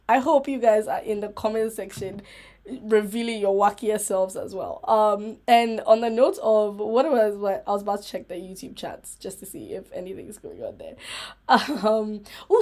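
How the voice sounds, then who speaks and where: Rambling, giggly young woman live streaming. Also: fairly high pitch. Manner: rambling, full of "like", tangents and self-interruptions; giggly and excitable. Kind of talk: casual solo live stream chat.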